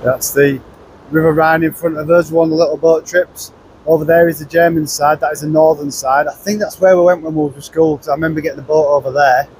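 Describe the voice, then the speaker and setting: A chatty man talks into a handheld camera outdoors, his voice sitting a touch high for a man. He rambles and restarts as he narrates a casual travel vlog. A faint hum of the open air runs under his words. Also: level tone, quick pace, darkish tone, low-quality recording. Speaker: travel vlogger. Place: outdoors at a car park and riverside path.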